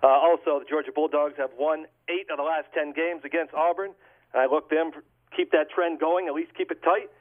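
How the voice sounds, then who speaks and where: A man as a guest handicapper giving a measured, prepared-sounding football pick analysis on radio, over a thin phone-like line. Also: fairly high pitch, steady tone.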